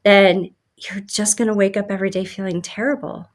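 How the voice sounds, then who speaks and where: A woman's voice: medium pitch, fairly even intonation, fairly quick. A woman hosting a podcast, chatty and affirming, often restarting her phrases. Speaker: podcast host. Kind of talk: conversational interview.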